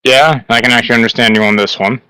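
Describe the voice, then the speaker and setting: A man's voice: mid-range voice, fairly even intonation, fast talker, bright, forceful tone, clean tone, rough recording. A man laughing and chatting in a casual gaming voice chat.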